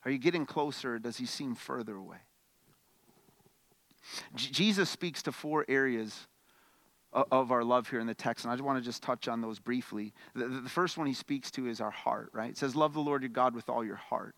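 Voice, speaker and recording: A man preaching a sermon as pastor, conversational, stumbling over repeated words, swinging between loud emphatic bursts and quiet questions. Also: mid-range voice, normal speed, creaky, no room sound.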